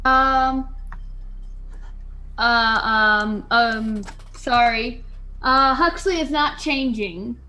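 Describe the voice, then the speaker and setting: Bright-voiced, hesitant woman playing a tabletop game. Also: on the high side, very slow, pauses often. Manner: hesitant, stammering. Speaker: player. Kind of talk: casual tabletop game chat.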